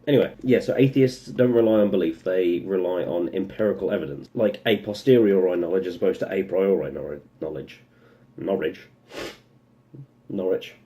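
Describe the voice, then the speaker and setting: A young man vlogging a casual opinion piece in a lowish, mellow voice. He rambles and goes off on sarcastic tangents, then cuts himself short and drags the point back. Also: fairly quick, hardly any pauses. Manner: rambling, sarcastic, full of self-interrupting asides.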